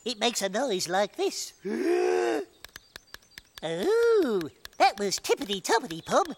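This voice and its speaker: A woman's voice: a little high, very animated, takes it slowly, slight background noise, exaggerated voice. A woman voicing a playful, teasing, cheeky animal in a children's puppet show. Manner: teasing, giggly.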